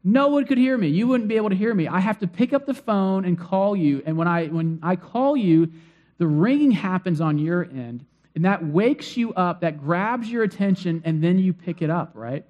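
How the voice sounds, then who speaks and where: A man's voice: high-pitched, lively intonation, normal speed, lo-fi sound. A man preaching a sermon in a conversational way, with frequent fillers and restarts. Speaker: pastor.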